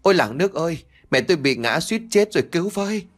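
A man's voice: medium pitch, very animated, fairly quick. A man voicing a greedy, spiteful village daughter-in-law who nags and scolds sharply in a storybook reading. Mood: wailing.

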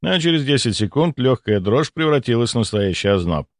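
A man narrating a first-person audiobook in a calm, measured, clinical manner. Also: mid-range voice, dry recording.

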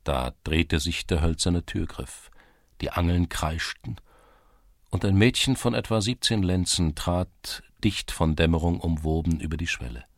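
A man reads a literary story in a measured, storytelling manner. His voice is very low with a gravelly edge. The recording is close-miked and dry. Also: no echo. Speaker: audiobook narrator. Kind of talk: scripted literary narration.

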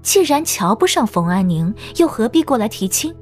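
A woman's voice: fairly high pitch, very animated, moderate pace. A woman narrator reading a scripted story for an audiobook. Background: background music.

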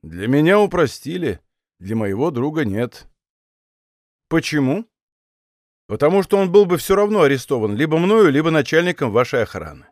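A man voicing a calm, defiant veteran musketeer captain in an audiobook, speaking low and restrained. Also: moderate pace, dry recording, clean studio sound. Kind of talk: audiobook character voice.

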